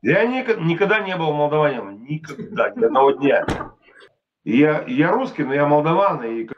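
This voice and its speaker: A man's voice: on the high side, very animated, moderate pace, highs cut off, a little hiss or hum. A man from Transnistria, drunk, arguing on a call in a rambling, insistent way and cursing. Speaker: caller. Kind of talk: heated phone argument.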